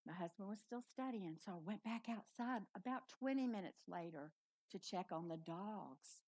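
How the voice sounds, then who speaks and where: A middle-aged woman storyteller on a live festival stage, telling a personal story in an animated, dramatic way. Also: mid-range voice.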